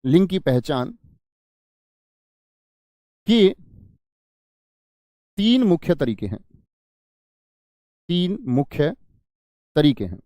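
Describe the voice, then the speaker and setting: A man's voice: on the high side, very animated, very slow, long pauses, mellow, no room sound, studio quality. A man teaching an exam-prep grammar lesson, who asks his students questions, answers them himself and repeats key phrases.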